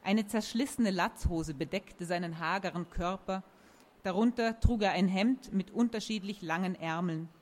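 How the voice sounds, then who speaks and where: Woman reading a kids story out loud, expressive, plain middle voice. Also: lowish voice, moderate pace. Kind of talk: reading a children's story aloud.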